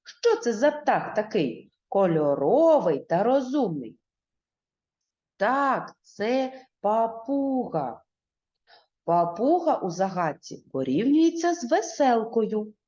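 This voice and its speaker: Slow, lively woman teacher, echoey room. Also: mid-range voice. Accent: Ukrainian. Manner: slow, clear, syllable-by-syllable teaching voice. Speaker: primary school teacher. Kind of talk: video reading lesson for first graders. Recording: echoey room, dull lo-fi sound.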